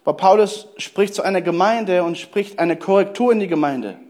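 A man preaching a lively sermon, telling stories and speaking straight to his listeners. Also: high voice, moderate pace. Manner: lively storytelling preacher, addresses listeners directly. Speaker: pastor.

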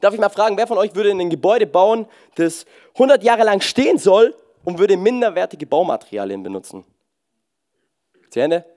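A man preaching a lively, casual sermon, often starting lines with "hey" and mixing jokes with scripture. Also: high voice. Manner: casual, jokey, peppers talk with "hey"; swings loud and soft, fast and slow.

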